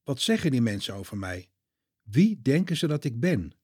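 A man voicing Jesus as a calm, gentle and firm grown man in a children's Bible story reading. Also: medium pitch, normal speed, slightly rough.

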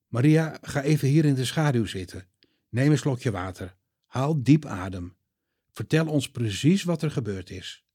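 A man voicing a kind, calm young man in a storybook reading, speaking gently and slowly. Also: mid-range voice, husky, no echo, studio quality. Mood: soothing.

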